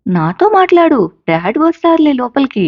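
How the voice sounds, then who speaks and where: A woman's voice: sits high, very animated, normal speed, dry recording, muffled recording, pitched above the performer's own voice. A woman voicing a coaxing, caring mother. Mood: chatty. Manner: patient, coaxing, reassuring. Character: caring mother gently encouraging her college son.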